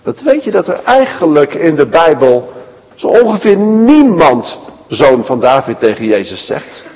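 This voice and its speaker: Man doing a kids sermon, swoops up and down a lot, kinda husky, long reverb like a big church. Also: fairly high pitch, a little slow. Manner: animated storytelling, addressing children directly. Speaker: preacher telling a Bible story to children. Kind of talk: children's sermon.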